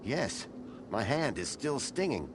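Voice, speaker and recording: A man's voice: mid-range voice, very animated, takes it slowly, noisy background. A man playing a wry, persistent adventure game hero, no longer young, with a dry conversational delivery. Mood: uncertain. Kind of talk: video game voice acting and first-person narration.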